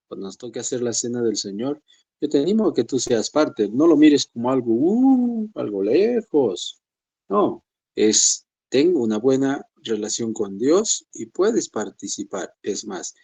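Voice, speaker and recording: A man in a pastoral teaching session speaks with a warm, mellow tone. He talks to the congregation in a conversational way, calling them brothers, and now and then mimics the excuses of believers. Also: slightly rough. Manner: conversational, addresses listeners as brothers; acts out believers' excuses in a higher voice.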